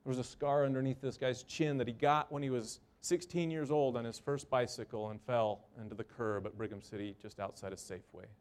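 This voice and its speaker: A man who works in an emergency room gives a personal storytelling talk, earnest and halting, with short repeated phrases. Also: mid-range voice, fairly even intonation, darkish tone. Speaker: emergency room medical worker.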